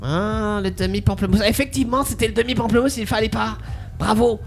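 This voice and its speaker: A woman's voice: fairly high pitch, steady tone, a little fast, close to an everyday voice. A cheerful, overworked bartender chirps along in a slightly raised voice, as a woman puts him on. He fusses over every order. Faint music plays underneath. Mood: chirpy. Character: flustered cheerful male bartender.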